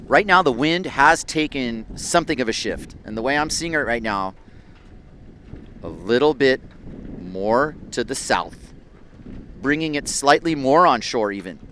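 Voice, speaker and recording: A man's voice: mid-range voice, lively intonation, a little slow, bright, forceful tone, slight background noise. A man giving live surf competition commentary in a laid-back, conversational surfer-announcer way.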